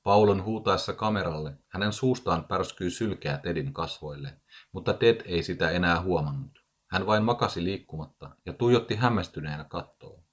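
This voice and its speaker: A man narrating a story in a measured, scripted audiobook reading, heard in a dull lo-fi recording. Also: low voice.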